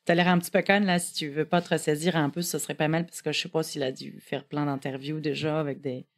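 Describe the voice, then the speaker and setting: A flustered young woman's inner voice in a thick put-on Québécois accent, as a woman improvises her. She hesitates and scolds herself, low and fairly quiet. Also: steady tone, fast.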